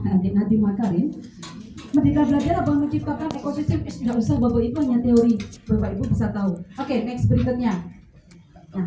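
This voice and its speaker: A woman with a Javanese accent giving an animated, joking workshop talk to teachers. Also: a little high. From Central Java. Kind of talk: lively lecture to an audience. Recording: echoey hall, mic at a distance, faint noise.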